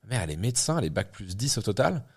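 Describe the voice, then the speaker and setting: A man in his twenties gives his frank opinions in a relaxed podcast conversation. His voice sits fairly low, and he circles his points with many fillers and self-corrections. The talk is loose and direct. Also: rapid-fire, breathy edge. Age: 20s. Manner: blunt, talks things through with many fillers and restarts. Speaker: guest entrepreneur. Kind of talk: casual podcast chat.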